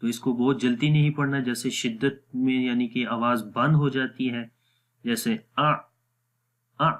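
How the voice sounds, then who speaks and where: A man teaching a Quran recitation lesson, explaining pronunciation and drawing out each sound slowly to demonstrate it. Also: medium pitch, steady tone. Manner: drawn-out demonstrative pronunciations of letters.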